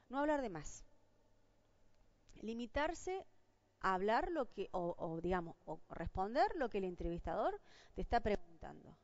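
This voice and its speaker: A woman's voice: on the high side, darkish tone. An Argentine woman giving a university lecture on job interviews, asking her audience rhetorical questions. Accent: Argentine Spanish. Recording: dull lo-fi dry sound.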